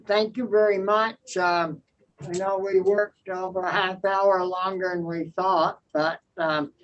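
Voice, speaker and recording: A committee chair running a meeting over a video call, halting and full of fillers. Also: mid-range voice, little pitch movement, fairly bright tone. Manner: hesitant, halting, many fillers. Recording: dull lo-fi audio.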